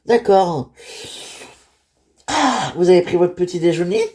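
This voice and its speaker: A woman's voice: lowish voice, expressive, a little slow, a little mellow. Woman doing a doting chatty dad. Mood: cheerful. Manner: chatty, affectionate. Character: fatherly middle-aged dad, caring and teasing. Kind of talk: homemade toy-figure drama.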